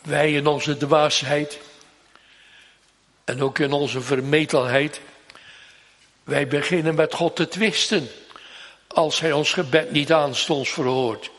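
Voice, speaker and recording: A man preaching a sermon in a church, solemn and emphatic, drawing out repeated pleas slowly. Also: fairly high pitch, fairly even intonation, a bit bright. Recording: long reverb of a church hall.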